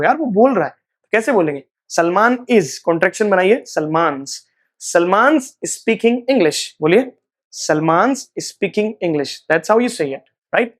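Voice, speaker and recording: A man teaching a spoken English class, explaining patiently and repeating example sentences slowly. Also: high-pitched. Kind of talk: live online class explanation.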